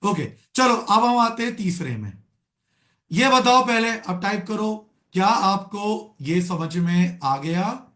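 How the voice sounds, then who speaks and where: A man's voice: high voice, expressive, takes it slowly, sharp tone, roomy sound. A man teaching a live online Excel class, often calling his students "beta" and checking that they follow.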